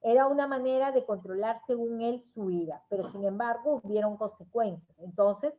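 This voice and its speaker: A woman's voice: on the high side, moderate pace. A woman leading a parenting workshop, lecturing in a conversational way and acting out examples in quoted voices. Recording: dull lo-fi recording.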